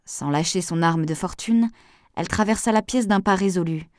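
Audiobook narrator, woman, lower voice, measured expressive reading, dry. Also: no room sound.

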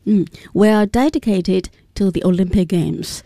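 A woman's voice: medium pitch, measured pace, creaky, dark tone, dry recording. A woman co-hosting a radio English lesson, repeating words back and asking follow-up questions. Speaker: radio co-host. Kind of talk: bilingual vocabulary lesson. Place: radio studio. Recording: dry studio sound.

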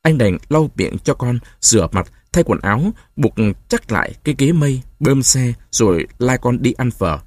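Guy reading an audiobook, really lively pitch, dry close mic. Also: normal speed, hardly any pauses, no echo. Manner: expressive storytelling, varied pitch. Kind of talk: audiobook narration.

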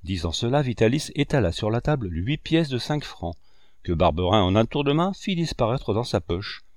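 A man reading a classic novel aloud as an audiobook narrator, measured and expressive. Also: mid-range voice, no echo, clean studio sound.

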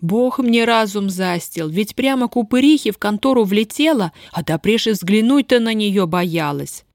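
Женщина играет испуганную молодую крестьянку, которая всхлипывает и умоляюще причитает. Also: female voice, mid-range voice, lively intonation, moderate pace, a little mellow, no room sound, clean studio sound, pitched above the performer's own voice, natural voice. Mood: tearful. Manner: sobbing, pleading, folk speech. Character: frightened, tearful young peasant girl.

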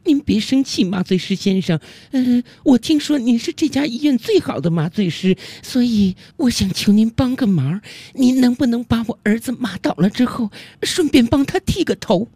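A man voicing an anxious mother pleading with a doctor, in a shrill, hurried voice. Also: expressive, mellow, breathy edge, dry recording, full character voice.

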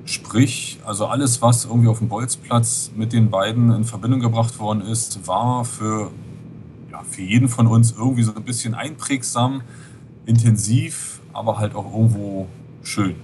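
A man's voice: fairly low pitch, steady tone, normal speed. A man, a podcast guest talking casually and rambling with many fillers over a Skype call. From West Berlin. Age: 40s. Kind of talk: casual interview. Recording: noisy Skype line.

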